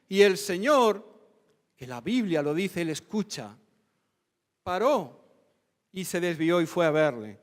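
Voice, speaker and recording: A man's voice: high voice, a bit bright. A man from Spain preaching a sermon as pastor, fervent, with rising emphatic lists. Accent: Spain Spanish. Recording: church hall reverb.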